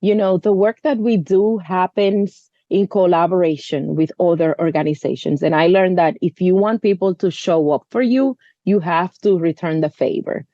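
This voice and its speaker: A woman's voice: lowish voice, moderate pace, hardly any pauses, no room sound, highs cut off. A woman in her thirties from the Dominican Republic, speaking earnestly as an interview guest, often saying "you know.". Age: 30s. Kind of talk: conversational interview.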